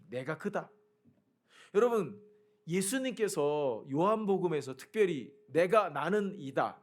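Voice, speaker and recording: A man preaching a sermon as pastor, emphatic, with loud declarations and quiet asides and frequent questions to the congregation. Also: on the high side.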